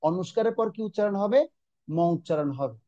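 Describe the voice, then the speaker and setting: A middle-aged man teaching a religious course over a video call, drilling pronunciation by repeating words slowly and quizzing students. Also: sits high, animated, dark tone, dry recording, muffled recording. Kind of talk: online class teaching Sanskrit pronunciation. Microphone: online video call.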